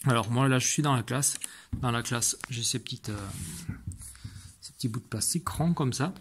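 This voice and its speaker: A man's voice: mid-range voice, normal speed, a bit bright, slight background noise. Patient male teacher explaining homework. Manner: patient, explanatory, many fillers and restarts. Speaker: primary school teacher. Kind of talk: recorded homework explanation for parents. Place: classroom.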